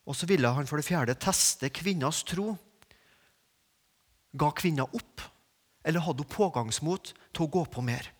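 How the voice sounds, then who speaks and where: Norwegian preacher in an echoing church hall. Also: male voice, fairly high pitch, long pauses, breathy edge. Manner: builds to emphatic, rising peaks. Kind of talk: sermon. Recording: long reverb of a large hall.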